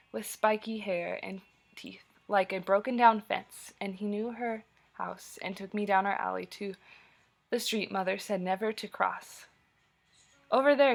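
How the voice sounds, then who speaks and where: A woman's voice: medium pitch, creaky. A young woman, a student, reads poems aloud and then talks to her classmates about them with hesitant fillers. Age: young adult. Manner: plain, unhurried reading with hesitant fillers when speaking freely. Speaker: student presenter.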